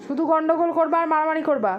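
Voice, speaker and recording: A woman with a high voice scolds her small daughter at home. She is firm and coaxing, repeats her orders again and again, and slips in mild threats. Loud music plays over the recording. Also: fairly even intonation, fast talker, phone-quality sound.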